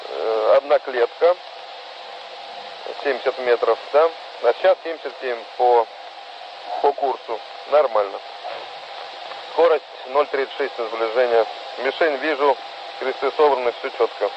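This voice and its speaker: A man gives calm, clipped technical callouts from a spacecraft cabin. His voice comes down a breaking-up space radio link, muffled and dull. Loud hiss and static sit under every word. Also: mid-range voice, normal speed, pauses often. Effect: breaking-up space radio downlink. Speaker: cosmonaut reporting docking. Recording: noisy, lo-fi radio from orbit.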